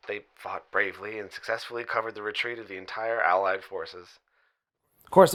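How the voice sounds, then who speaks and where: A man's voice: fairly low pitch, a little mellow, natural voice. A man playing a solemn radio caller. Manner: measured, reflective, rising to indignation. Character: thoughtful grown man calling in, solemn about war history.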